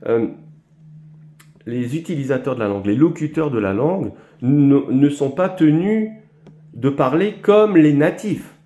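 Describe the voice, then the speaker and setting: A man from France explaining language learning in a lecture, halting often with fillers and repeated words. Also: a little high, expressive, dark tone, echoey room. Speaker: language teacher.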